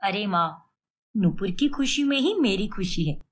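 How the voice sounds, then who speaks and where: A kind, loyal young daughter-in-law from a cartoon story, played by a woman. She protests earnestly in a lively, animated voice and speaks at an unhurried pace. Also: mid-range voice.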